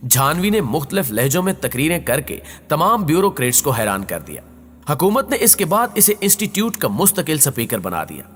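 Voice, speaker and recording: A man hosting a channel who tells a story in a measured, expressive scripted narration. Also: fairly high pitch, husky. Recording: long reverb with faint background music.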